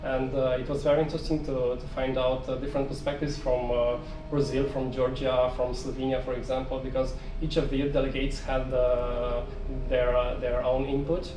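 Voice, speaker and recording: A man's voice: mid-range voice, level tone. A young man with a Romanian accent speaking hesitantly as an event host giving an interview recap. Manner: hesitant, halting delivery. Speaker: youth delegate and side event host. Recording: echoey, distant mic, clearly noisy room.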